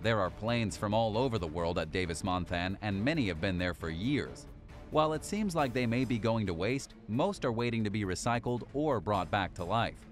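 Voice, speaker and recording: A man reading a scripted documentary narration in an even, measured countdown style, over faint music. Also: lowish voice. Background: faint background music.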